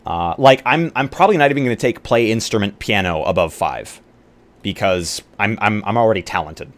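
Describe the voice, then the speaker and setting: A man whose voice sits on the low side talks fairly quickly with lively intonation during a casual tabletop roleplay livestream. As a streamer and player building his character, he reasons aloud and banters, swearing now and then, against clearly audible background noise.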